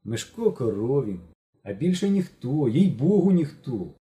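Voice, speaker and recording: A man voicing a proud, boastful teenage boy who protests excitedly in an audiobook. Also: medium pitch, unhurried, voice pushed up.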